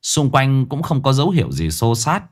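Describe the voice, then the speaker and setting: A man voicing a deferential court coroner who reports slowly and formally. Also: mid-range voice, sing-song, voice pushed up. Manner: slow, humble, formal reporting.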